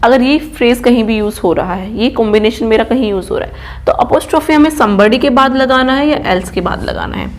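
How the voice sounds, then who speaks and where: A woman English trainer with a slightly high, brisk voice teaches grammar step by step, posing questions to the class and answering them herself. After nearly every point she checks that everyone is following, asking "ठीक है?".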